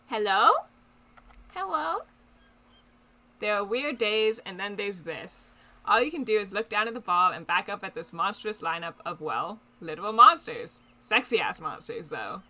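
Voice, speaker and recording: Chatty young woman streamer giggling thru a game, bright voice, swoops up and down a lot. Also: medium pitch, lively intonation, moderate pace. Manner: giggly, chatty, reads game text aloud with playful asides. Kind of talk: casual let's play chat and reading aloud.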